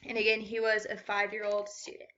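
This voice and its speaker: Woman, bright voice, explaining a test, lots of ums, muffled recording. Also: mid-range voice, monotone, a little fast. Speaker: student teacher explaining an assessment. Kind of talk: walkthrough of a reading assessment.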